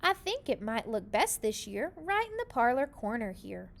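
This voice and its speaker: A woman voicing a grand, excitable wealthy gentleman in a children's storybook, genteel and exclamatory. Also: fairly high pitch, moderate pace, creaky. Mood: pleased.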